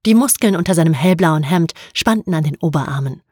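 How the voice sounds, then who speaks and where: Woman audiobook narrator, calm even reading, husky tone, dry recording. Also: low-pitched, fairly quick, no echo.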